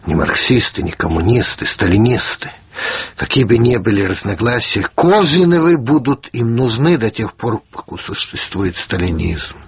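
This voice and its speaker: A fifty-year-old man from the Soviet Union, a writer answering in a radio interview, speaking in a measured, reflective way with frequent hesitations. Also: lowish voice, lively intonation, slightly rough, no room sound. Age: 50s. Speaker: guest writer.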